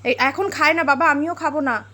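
Mother for a home vlog, high and bright, speaks softly to a toddler with gentle scolding. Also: fairly quick. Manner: gentle coaxing, mildly scolding. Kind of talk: home vlog, talking to a small child.

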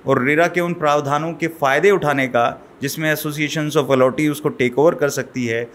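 Fairly high and bright, with mostly even intonation, the middle-aged guest's voice carries his measured, stepwise explanation. He sits at a desk mic on a boom arm in a small studio set and slips English terms in as he goes.

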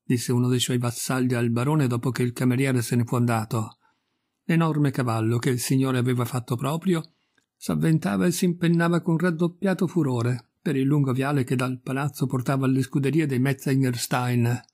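A middle-aged man reading a classic story aloud in a measured, literary way, lifting his pitch a little for quoted speech. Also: steady tone, a little mellow. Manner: measured literary reading, quoting characters with small pitch rises. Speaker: audiobook reader. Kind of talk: scripted narration of a classic tale.

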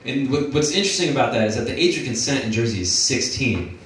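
A young man doing a stand-up set in a comedy club, talking in a halting way with many fillers and restarts. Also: medium pitch, animated, a bit bright, a little hiss or hum. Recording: echoey room from far off, crowd laughing.

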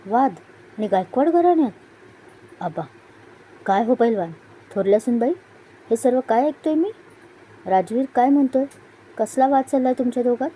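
A woman voicing a stern, commanding patriarch of nearly a hundred years, read plainly in her own dark voice for an audio story. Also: a little high, lively intonation, moderate pace, long pauses, a little hiss or hum, pitched above the performer's own voice, lightly acted, rough recording. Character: very old male family patriarch, stern.

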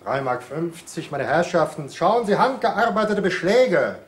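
An actor playing a brisk male auctioneer in an old film, calling out bids in a coaxing, sing-song way. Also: sits high, big pitch swings. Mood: coaxing, salesmanlike.

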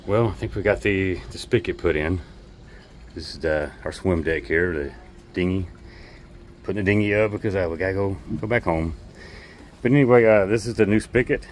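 Middle-aged captain type, very deep voice, laid-back how-to talk outdoors, faint background hum. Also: male voice, moderate pace. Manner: relaxed, plain-spoken, with fillers. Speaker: boat captain, vlog co-host. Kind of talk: casual how-to vlog. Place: outdoors on a docked boat.

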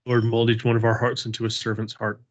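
Over dull, lo-fi video call audio, a man with a mid-range voice speaks quickly and in a monotone. He's running a Bible study while sniffling from a slight cold, alternating earnest, repetitive prayer with casual group talk.

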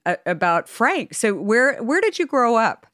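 A woman hosting a podcast, introducing her guest in a bubbly, effusive way with bursts of excitement. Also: on the high side, a little slow, no echo, clean studio sound. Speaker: podcast host. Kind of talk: enthusiastic interview intro.

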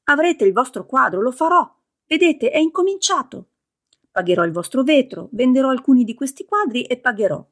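A woman voicing a proud, defiant male painter who shouts back indignantly and theatrically. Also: high-pitched, expressive, a little fast, pitched above the performer's own voice. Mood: pleading.

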